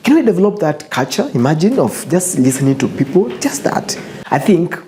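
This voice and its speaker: Young kenyan guy hosting his show, chatty advice, soft relaxed tone, flips between english and swahili, repeats himself for emphasis. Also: fairly high pitch, fairly quick, slight background noise. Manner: earnest, repeats phrases for emphasis. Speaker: show host. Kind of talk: casual monologue to viewers, advice.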